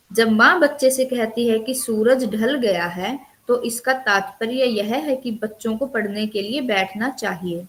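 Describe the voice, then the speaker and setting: A woman teaching an online class, working through her notes line by line and pausing to explain each term. Her voice sits at a middle pitch for a woman, and the talk moves at a steady teaching pace. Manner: reads from notes and explains terms. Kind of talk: online lecture. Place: recorded online counselling session.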